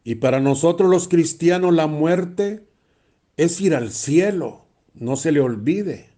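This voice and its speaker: Priest going slow and heavy, mellow voice, hammers the same words over and over. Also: male voice, fairly high pitch. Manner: blunt, emphatic, repeats phrases for stress. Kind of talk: sermon.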